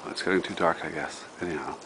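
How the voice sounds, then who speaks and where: A man filming himself outdoors while exploring an abandoned site, giving a hushed, nervous running commentary and short of breath. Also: low voice, steady tone, fast. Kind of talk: handheld exploring vlog. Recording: loud wind noise outdoors.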